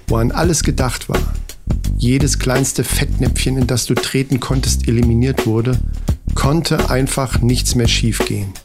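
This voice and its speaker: A man reading a mock-dramatic comedy story to the listener, addressing them as you. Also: medium pitch. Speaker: narrator. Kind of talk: scripted comedic narration. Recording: narration over music bed. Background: music.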